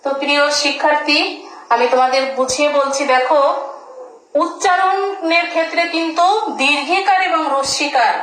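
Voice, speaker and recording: High-voiced woman teaching in an echoey room. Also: a bit bright. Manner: patient, asks and answers her own questions. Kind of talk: classroom lesson on pronunciation. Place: classroom with a board.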